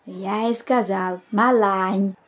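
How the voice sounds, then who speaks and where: A woman voicing a plump, stubborn schoolboy who lisps and pouts, speaking slowly. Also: a little high, creaky, darkish tone. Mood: sulky insistent. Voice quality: lisping, says l for r. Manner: slow, pouting delivery.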